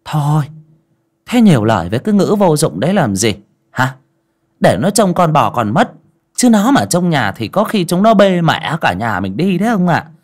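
A man's voice: fairly high pitch, very animated, normal speed, pitched above the performer's own voice. A man voicing a fat, cruel landlord's wife who snaps and scolds harshly in a storybook reading. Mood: scolding shrill.

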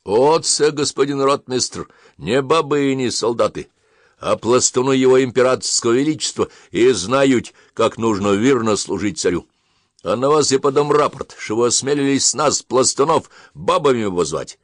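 A man's voice: mid-range voice, lively intonation, normal speed, no echo, clean studio sound, voice pushed up, lightly acted. A man voicing an unflappable, grey-haired Cossack officer who gives cool, curt orders. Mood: defiant. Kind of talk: audiobook character voice.

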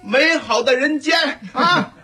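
A man's voice: very high-pitched, takes it slowly, loud music behind the voice, heavily acted. An actor playing an older family patriarch in a sitcom, lecturing his family in lofty slogans with hesitant fillers. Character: pompous old man who moralizes to his family. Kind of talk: sitcom acting.

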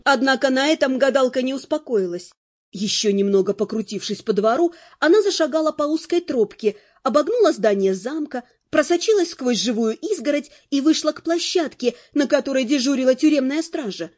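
A woman narrating a romantic fantasy audiobook in the first person, with lively storytelling. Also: high-pitched, fairly quick.

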